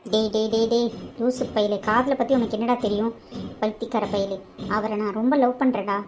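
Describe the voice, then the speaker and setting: A woman's voice: fairly high pitch, steady tone, moderate pace, darkish tone, faint music behind, lightly acted. A woman voicing a married young woman in a cartoon who scolds and pleads with an exasperated edge. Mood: angry. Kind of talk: cartoon voice acting.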